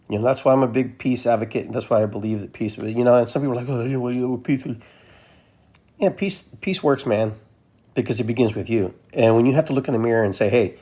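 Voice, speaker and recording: Peruvian-born guy hosting a podcast solo, just riffing and repeating himself, dark mellow voice. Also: fairly low pitch. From Peru. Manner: rambling, conversational, repeats phrases. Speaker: podcast host. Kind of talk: casual monologue.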